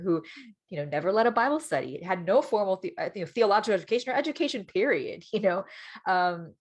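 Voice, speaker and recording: A young woman from Miami, an author talking reflectively over a video call, with many fillers and restarts. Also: fairly low pitch. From Miami, Florida (Cuban American). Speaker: author and guest. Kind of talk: casual conversational interview.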